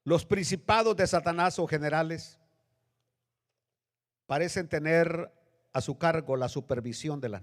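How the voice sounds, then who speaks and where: A male pastor preaching a sermon with dramatic swings between loud, high bursts and low, hushed lines. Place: church sanctuary. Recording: long reverb of a church hall.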